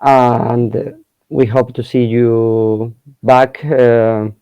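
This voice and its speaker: A man hosting an interview in halting, courteous non-native English, with many hesitations. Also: medium pitch, level tone, gravelly, dark tone, smooth, dry recording, poor audio.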